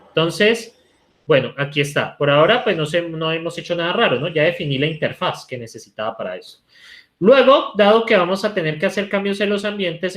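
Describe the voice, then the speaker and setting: A man's voice: a little high, a bit bright. A male university lecturer from Colombia with a Colombian Spanish accent, explaining code live and checking in with students by asking "right?" again and again. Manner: talks while typing code, asks rhetorical "¿cierto?" often. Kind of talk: live online coding lecture.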